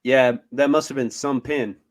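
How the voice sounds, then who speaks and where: A man's voice: medium pitch, steady tone, normal speed. A man co-hosting a podcast in casual chat, hesitant, with many ums and uhs. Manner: hesitant, lots of fillers. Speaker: podcast co-host.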